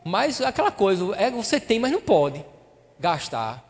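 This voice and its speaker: A man's voice: high voice, sing-song, unhurried. A male pastor, preaching a sermon in a church and telling a personal story with emotion, acting out the dialogue. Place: church hall. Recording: reverberant hall.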